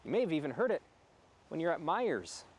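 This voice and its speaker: Animated man reporting live. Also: on the high side, fairly quick. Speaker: field reporter.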